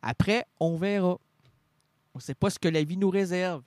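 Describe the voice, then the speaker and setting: A man's voice: sits high, normal speed, a little mellow, long reverb tail. A man, rambling absurdly through an improvised comedy sketch. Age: 40s. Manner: rambling, absurd, switching between voices.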